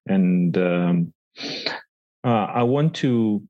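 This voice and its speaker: A man from Greece co-hosting a casual podcast, talking in a halting, thoughtful way with frequent pauses mid-sentence. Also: low-pitched, lively intonation, no room sound, phone-quality sound. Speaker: podcast co-host.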